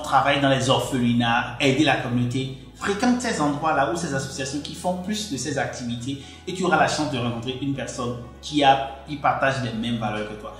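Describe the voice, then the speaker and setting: A man from Benin, earnestly coaching the listener on relationships in a direct-to-camera talk. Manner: earnest, addresses the listener directly, emphatic pitch jumps. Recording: very echoey room with faint music.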